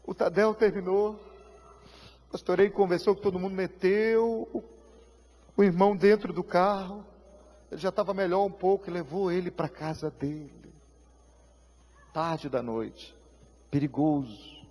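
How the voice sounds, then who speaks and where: A Brazilian man preaches in a high voice that carries a long reverb through a church hall. He tells his story with strong feeling, acting out the voices and rising to shouts at the peaks. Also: steady tone, measured pace, pauses often. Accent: Brazilian Portuguese. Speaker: pastor. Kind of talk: sermon.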